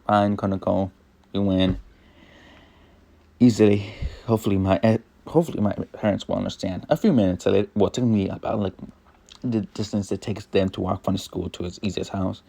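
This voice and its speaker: A young man reading his own fan fiction aloud, rambling and halting with many fillers and restarts. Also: lowish voice, steady tone, creaky, warm tone. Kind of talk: improvised fan fiction narration.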